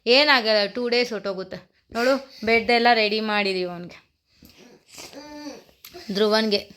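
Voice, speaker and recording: A woman's voice: mid-range voice, moderate pace, a bit bright, smooth. A woman filming a casual home vlog as a mother, soothing and coaxing her sick child and repeating herself. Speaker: mother and family vlogger.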